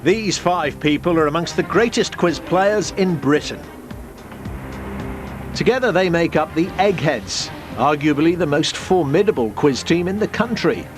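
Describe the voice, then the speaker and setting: A man's voice: a little high, expressive, over music. A man hosting a television quiz show, reading questions and chatting with contestants in an upbeat way. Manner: brisk, upbeat, with frequent "uh" fillers. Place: television studio.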